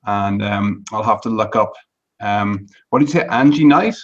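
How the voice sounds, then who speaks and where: A male host asking a guest relaxed questions, with many fillers. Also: on the low side, normal speed. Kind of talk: casual interview chat. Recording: distant, dull lo-fi sound.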